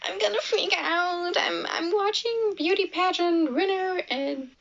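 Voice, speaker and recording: A woman's voice: a little slow, vocal fry, fairly bright tone, lo-fi sound, exaggerated voice. A woman putting on the voice of a gushing, ditzy young contestant in a mocking, squealing tone. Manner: mocking, squealing high put-on voice.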